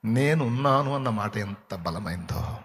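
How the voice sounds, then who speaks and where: A man preaching a sermon as pastor, passionate, moving between loud declarations and hushed, tender speech. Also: a little high, expressive, slight background noise. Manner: chants a hymn slowly. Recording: long hall reverb.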